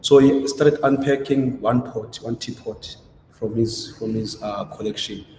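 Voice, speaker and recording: Speaking over a video call from inside a gallery showroom, this male ceramic artist from South Africa recounts his story in a conversational interview, full of hesitation and restarts. His mid-range voice is a little mellow, steady in tone, and measured in pace. Faint noise and a roomy echo color the recording.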